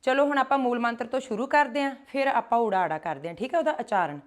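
A woman leads a children's language class, calling out each word slowly and loudly so the group can repeat it. Her voice sits high. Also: lively intonation. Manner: slow, loud, drawn-out syllables for children to repeat. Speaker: Punjabi and Gurbani teacher. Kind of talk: call-and-response class teaching. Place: gurdwara classroom.

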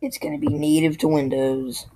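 A sick, hoarse tech tutorial host talking through a screen recording in a halting, apologetic way. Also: medium pitch, little pitch movement, heavy background noise. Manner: halting, apologetic, loses train of thought.

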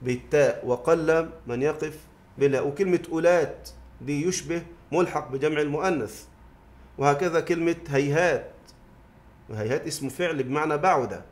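This man's voice sits a little high and moves at a moderate pace. He's leading a classroom lesson on verse grammar in a mosque study circle, regularly asking the group something and then supplying the answer.

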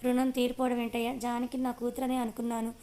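A woman's voice: fairly high pitch, completely flat delivery, fast talker, warm tone, close to an everyday voice. A woman voicing a grieving older village woman who sees herself as a mother, speaking plaintively.

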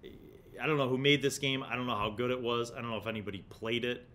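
A middle-aged man hosts a gaming review series, talking casually and thinking aloud as he flips through a magazine and reads snippets out. His voice is steady, fairly bright and quick. He records in a small home studio on a desk condenser mic set in front of him, with a clear low rumble in the background.

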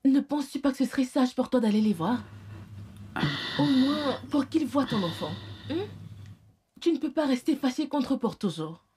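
A woman's voice: high-pitched, lively intonation, moderate pace, pauses often, mellow, slight background noise. A soothing motherly caregiver. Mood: gentle. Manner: soothing, reassuring. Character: motherly older woman, gentle caregiver. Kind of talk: French film dub.

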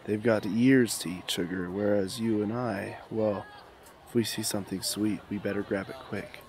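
Suave, low-voiced Finnick Odair, played by a man. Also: steady tone, normal speed, darkish tone, lightly acted. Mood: teasing, suave. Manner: suave, teasing, insinuating. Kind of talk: amateur radio drama acting.

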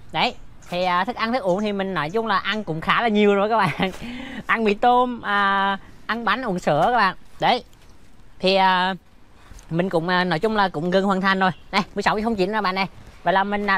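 A man's voice: high-pitched, pushed and bright, clear, resonant tone. Chatty young man vlogging from a tent. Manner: chatty, keeps addressing viewers, many fillers. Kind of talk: casual vlog talk to viewers. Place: small tent on a house rooftop.

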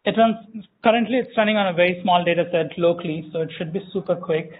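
A man giving a live software demo at a tech meetup, explaining step by step with frequent fillers and self-corrections. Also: high voice, fast talker. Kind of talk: live conference demo walkthrough. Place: meetup room, small audience. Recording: tinny phone-like room audio.

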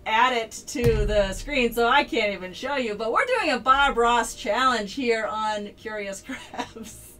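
A woman's voice: fairly high pitch, a little slow, pushed and bright, a little hiss or hum, rough recording. A woman hosting a casual livestream, chatting in an upbeat, rambling way. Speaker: streamer and game designer host.

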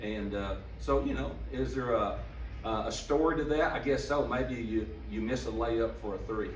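After a game, an older man who coaches the team answers reporters from a table mic on a stand, speaking plainly and emphatically and repeating himself for emphasis. His voice sits at medium pitch and moves at a moderate pace. There's a little hiss or hum, and the sound is roomy and slightly distant, with the camera set some way off.

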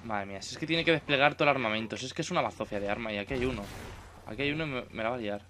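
A man's voice: mid-range voice, very fast, pushed and bright, a little hiss or hum. A young man with a Spain Spanish accent, commentating his own gameplay casually, swearing and exclaiming at the game. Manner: swearing, exclamatory, self-mocking. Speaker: gaming YouTuber.

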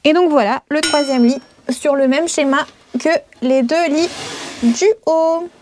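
A woman's voice: sits high, unhurried, noisy background. A woman in her thirties hosting a casual video tour of a small wood-lined van, chatty and joking, with many hesitations. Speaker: vlog host. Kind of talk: casual show-and-tell.

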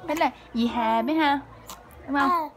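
A woman, a mother chatting to her baby at home in slow, high sing-song baby talk with frequent laughter. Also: a little hiss or hum.

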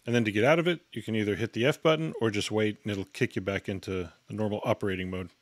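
In a dry recording, a product reviewer with a lowish voice talks fast as he explains a product one step at a time, keeping it matter-of-fact.

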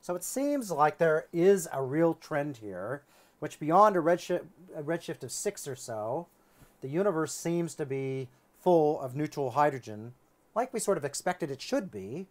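A middle-aged man lectures conversationally on astronomy in a dialogue with one other person, reasoning aloud while he explains. His fairly high voice swings widely in pitch, and he keeps a measured pace.

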